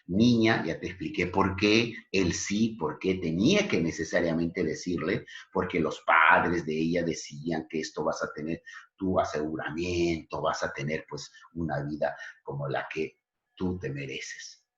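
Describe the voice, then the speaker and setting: Male literature teacher with a deep voice who explains and talks to his students. Muffled, lo-fi recording. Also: steady tone, a little slow, a bit bright. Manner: explanatory, addresses students directly. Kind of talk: online literature lesson. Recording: echoey, dull lo-fi recording.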